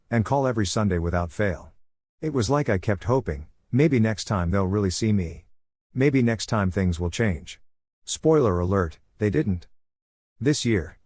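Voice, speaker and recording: A man narrating a first-person story in a steady, even way with dry asides. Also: fairly low pitch, dry recording.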